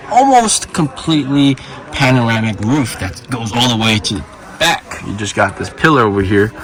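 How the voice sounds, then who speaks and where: A man with a mid-range, slightly bright voice hosts a casual car review vlog for an electric car stock channel. He speaks emphatically to viewers and repeats words for stress, and the recording is rough.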